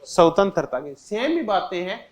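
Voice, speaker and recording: A man's voice: sits high, sing-song, moderate pace. Man teaching, quizzing his class aloud. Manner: asks the class questions and answers them himself; explains by repeating key terms with simple examples. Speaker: political science teacher. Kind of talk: exam-prep classroom lecture.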